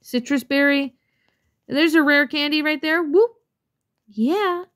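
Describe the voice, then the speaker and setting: A woman playing a let's play comments casually on her own gameplay, chatty and rambling with lots of fillers. She sounds slightly congested from a cold. Her voice sits high and is a bit bright, and she talks a little slowly.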